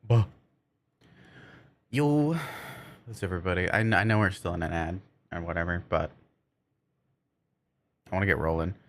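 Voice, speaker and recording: During a casual game livestream, a man with a low-sitting voice talks at a moderate pace, leaving long pauses. He wanders from topic to topic, often searching for words, and he cannot roll his R's.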